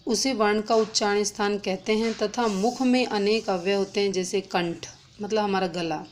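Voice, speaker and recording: A woman teaching an exam-prep lesson, slowly spelling out sounds and letters one by one. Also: medium pitch, fairly even intonation, a little hiss or hum.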